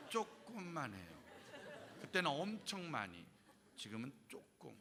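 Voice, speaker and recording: A man's voice: on the high side, gravelly, very noisy. A man in his forties preaching a youth revival sermon as a pastor, telling stories with humor and acting out the voices he quotes. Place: church hall at a youth event. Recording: reverberant church hall.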